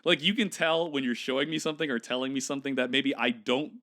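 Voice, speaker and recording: Easygoing male podcast co-host, bright voice. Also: mid-range voice, fast. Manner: easygoing, agreeable, laughs along. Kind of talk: casual chat.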